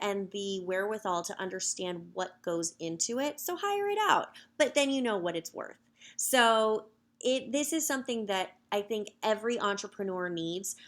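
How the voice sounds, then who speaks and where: A woman in her thirties, a social media coach, making an upbeat, chatty pitch straight to camera with frequent fillers. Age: 30s. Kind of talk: direct-to-camera sales pitch.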